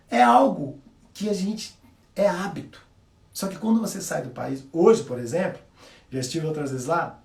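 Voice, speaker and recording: A Brazilian man giving a motivational talk, telling stories with lots of slang and animated delivery. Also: high-pitched, far from the mic. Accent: Brazilian Portuguese. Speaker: coach. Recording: echoey room.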